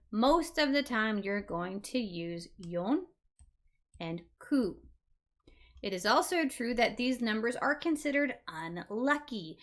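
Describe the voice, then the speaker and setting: A woman's voice: a little high, a bit bright. A woman giving an online beginner Japanese lesson, patiently repeating example words and often checking in with "right?". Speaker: Japanese language teacher.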